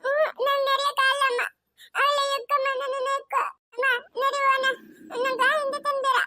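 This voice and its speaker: A woman's voice: very high-pitched, little pitch movement, a little fast, sharp tone, no room sound, clean studio sound. A woman voicing a sick, clingy little girl who whimpers and pleads to be carried, in a family moral drama. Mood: whiny tearful.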